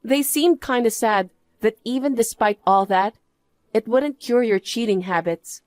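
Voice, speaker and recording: A woman's voice: on the high side, measured pace, darkish tone, no echo, natural voice. A woman playing a scornful betrayed wife in a story drama, scolding and dismissive. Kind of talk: dramatised story narration and dialogue.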